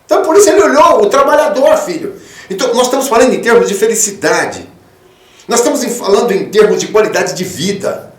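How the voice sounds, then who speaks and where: A male pastor preaches in a high voice, calling his listeners "son" in a fatherly way. He rises to loud, emphatic peaks and drops to soft, low tones. The sound is roomy and echoing, recorded from a little way off the microphone. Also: lively intonation, fast talker, recorded from a distance. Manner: fatherly, calls listeners 'filho'. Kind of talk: radio sermon. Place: radio studio.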